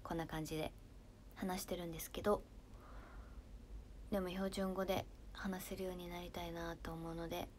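A young woman with a Kansai accent, chatting casually on her livestream and reading viewer comments, often softening into near-whispers. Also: lowish voice, little pitch movement, moderate pace, pauses often, a little hiss or hum. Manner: soft-spoken, drifts into near-whispers, laughs often.

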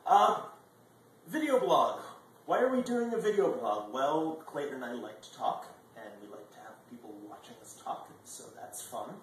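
Seated at a table in an indoor dining room, a vlogger in his twenties talks to the camera in a relaxed, animated way, his volume suddenly spiking at times. He has a mid-range voice and speaks at normal speed. The far camera mic captures room echo and slight noise.

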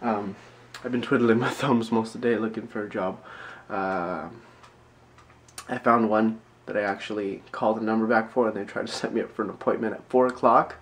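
A man's voice: fairly low pitch, fairly even intonation, a little fast, a little hiss or hum. A man chatting casually in a daily vlog, rambling and amused at himself. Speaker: vlogger.

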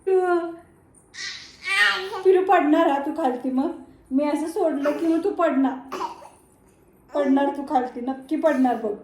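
A woman's voice: high-pitched, slow pace, long pauses, dark tone. A young woman, vlogging at home and talking to her baby in coaxing, sing-song baby talk. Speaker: vlogger and mother. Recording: echoey room with faint background noise.

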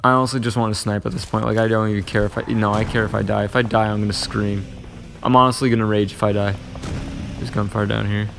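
A young man casually commentating his own mobile game, muttering to himself with sudden excited yelps and growing frustration. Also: on the low side, fast, gravelly, soft background music. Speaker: gaming channel host.

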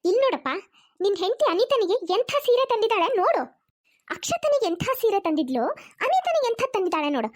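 A woman voicing an older mother-in-law in a cartoon, speaking slowly and reproachfully. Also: extremely high pitch, big pitch swings, darkish tone. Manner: slower, reproachful.

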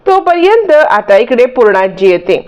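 A woman narrating a spoken recap of a TV serial, telling it briskly with fillers. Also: on the high side, sing-song, darkish tone. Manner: fast storytelling with fillers. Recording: dull lo-fi recording.

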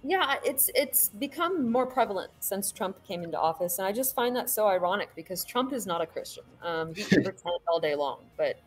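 On a home video call via webcam, a panel guest in her thirties, originally from California and raised in Virginia, chats casually with lots of ums and ready laughter. Her mid-range voice is animated and brisk, with hardly any pauses. The recording is low quality.

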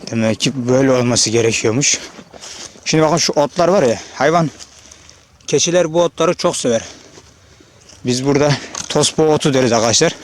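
A man's voice: medium pitch, fairly quick, pauses often, slight background noise. Shepherd vlogger, male, easygoing talk to camera on a hillside. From Turkey. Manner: chatty, addresses viewers directly, calls out to animals. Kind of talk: casual outdoor vlog narration. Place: open hillside pasture outdoors. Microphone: handheld or body-worn camera.

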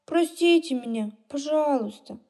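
A woman voicing an emotional, quick-tempered little girl in a children's storybook reading. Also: high voice, animated, darkish tone. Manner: emotional, exclaiming, tearful.

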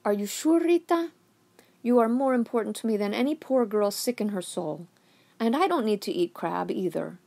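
A woman's voice: mid-range voice, expressive, normal speed, vocal fry, dark tone. Woman doing a devout, emphatic old grandmother. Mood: fond. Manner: emphatic, scolding, fond. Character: devout worried Puerto Rican grandmother.

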